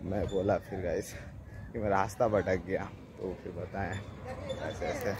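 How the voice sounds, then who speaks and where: A man's voice: low voice, steady tone, unhurried, crowd noise. A young man with a Bihari Hindi accent, chatting casually as he walks to a gun factory for his vlog and saying "guys" in nearly every line. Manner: chatty, says "guys" constantly; drops to a hushed voice near guards. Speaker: travel vlogger. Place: outdoors on roads and near a factory gate. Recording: noisy outdoor phone recording.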